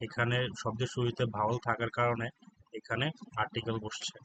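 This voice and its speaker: Man, Bangladeshi Bengali accent, exam prep tutor, monotone, spells words letter by letter, faint background noise. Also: medium pitch, rough recording. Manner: monotone, reads answers in quick runs and dictates spellings letter by letter. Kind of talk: reading out exam answers.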